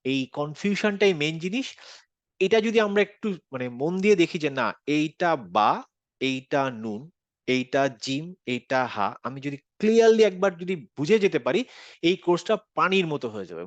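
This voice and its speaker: Man with a Bangladeshi Bengali accent, patient online Quran teacher, slightly high voice, dry sound. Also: no room sound. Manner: explains patiently, mixes English phrases into Bengali. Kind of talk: online class lecture.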